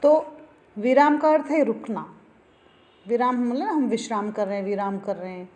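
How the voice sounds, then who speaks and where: A woman teaching a grammar lesson to children, slowly explaining each point with examples and checking that they understand. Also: a little high, darkish tone. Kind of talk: classroom lesson. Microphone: phone voice recorder.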